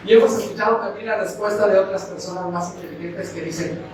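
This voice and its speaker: A man's voice: sits high, steady tone, moderate pace, creaky. A middle-aged Mexican man preaching a sermon as pastor, speaking straight to his congregation, calling them brother and asking them rhetorical questions. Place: church hall. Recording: echoey church hall heard from a distance with background noise.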